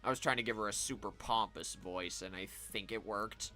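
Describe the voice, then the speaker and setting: A man giving live commentary while playing a video game, chatty and self-amused, reacting out loud as he plays. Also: on the low side, moderate pace, soft background music. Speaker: game streamer.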